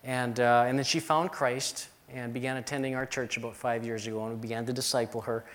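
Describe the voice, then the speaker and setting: A man's voice: mid-range voice, little pitch movement, a little fast, fairly bright tone. A middle-aged man, a pastor from the United States, preaching a sermon and telling stories with emphatic repetition.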